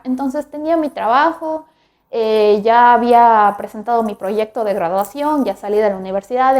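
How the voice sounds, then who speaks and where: Higher-voiced woman podcaster. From Ecuador. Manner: reflective and candid, warm direct address to listener. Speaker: podcast host. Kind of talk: personal storytelling monologue.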